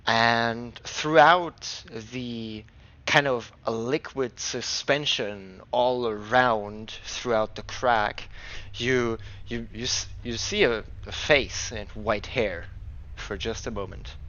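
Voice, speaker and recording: A man's voice: mid-range voice, takes it slowly, bright, forceful tone. A man narrating as a tabletop game master, hesitant, trailing off with many fillers. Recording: dull lo-fi mic.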